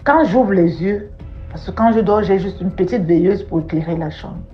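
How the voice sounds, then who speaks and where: A woman recounting a personal testimony, plainly told, rising high and urgent in distress. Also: moderate pace. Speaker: testimony speaker. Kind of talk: personal testimony, spoken storytelling. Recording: dull lo-fi audio with faint music.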